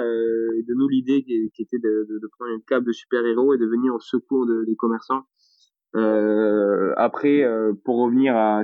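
A man's voice: mid-range voice, dry recording. A man with a Toulouse accent, chatting as a podcast guest, hesitant with many fillers. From Toulouse, France. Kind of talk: casual podcast chat. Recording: tinny phone-like line.

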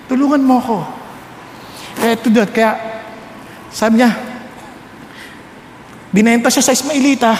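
A man's voice: very high-pitched, slight background noise. A man preaching a sermon, telling a story dramatically, acting out voices and joking with the congregation. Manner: dramatic, acts out voices, jokes with audience. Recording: echoey hall with long reverb.

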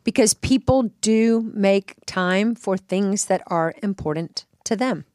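A middle-aged woman co-hosting a self-care podcast, talking earnestly and reflectively in a relaxed chat. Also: mid-range voice, no room sound, studio quality. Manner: earnest, reflective, with drawn-out phrasing. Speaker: podcast co-host. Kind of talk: casual chat. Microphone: studio microphone.

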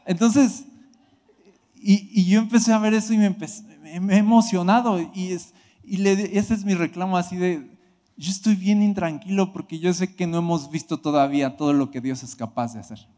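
A man giving an emotional sermon testimony, animated and bursting into shouts. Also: high-pitched, moderate pace. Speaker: preacher. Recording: hall reverb.

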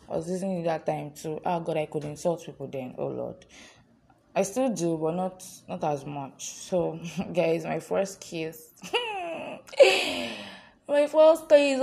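A woman's voice: lowish voice, a little mellow, breathy edge. A young woman with a Nigerian accent, telling a personal story to her viewers in a chatty, giggly way with local slang. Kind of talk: casual storytelling vlog.

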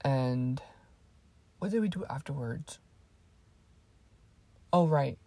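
A woman's voice: a bass voice, expressive, takes it slowly, dark tone, dry recording. A teenage girl telling stories to camera in a casual vlog, rambling and swearing freely with plenty of asides. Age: teens. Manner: rambling and profane, with fillers and asides. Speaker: vlogger.

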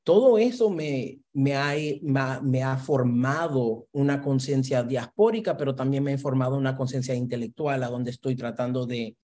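Here a Brooklyn-born man, his Spanish carrying a Puerto Rican influence, gives thoughtful answers as an academic guest being interviewed. His mid-range voice is mellow, with normal speed and few pauses. English words slip into his speech, and "¿verdad?" caps many of his phrases.

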